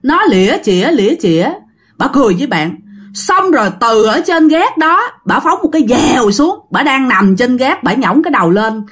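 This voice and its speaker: A woman's voice: a little high, big pitch swings, moderate pace, a bit bright, breathy edge. A woman with a Southern Vietnamese accent telling a ghost story in a chatty way, often speaking directly to her listeners.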